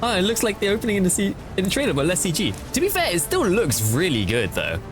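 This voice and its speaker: Chatty male streamer, lively and animated, casual game commentary. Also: sits high, fast talker, over music. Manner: chatty, filler-heavy, excitable.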